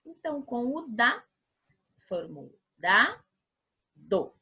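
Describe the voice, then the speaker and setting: Lively, bright-voiced Brazilian woman teacher. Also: a little high, husky. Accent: Brazilian Portuguese. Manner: patient, encouraging, sounds out syllables slowly; checks in often with the children. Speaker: primary school teacher. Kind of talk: remote lesson for young children.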